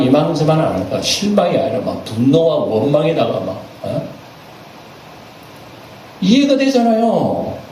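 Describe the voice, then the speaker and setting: A man, preaching a sermon as senior pastor. He talks in a lively way, asks the congregation questions and acts out little asides. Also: fairly high pitch. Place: church sanctuary. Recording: echoey church hall, picked up from a distance, faint room noise.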